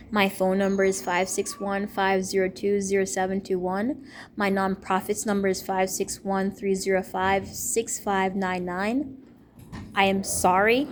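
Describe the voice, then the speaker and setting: A woman's voice: mid-range voice, a little hiss or hum. A woman in her thirties from Jamaica delivers a rambling personal monologue. Her talk is emphatic and repetitive, pressing each point again and again. She is a teacher and minister speaking her mind in a stream of consciousness. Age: 30s.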